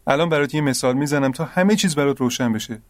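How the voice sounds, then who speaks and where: A young man playing an earnest roommate who patiently explains religious rules, gently exasperated. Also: mid-range voice, no room sound, close to an everyday voice. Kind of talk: radio drama acting.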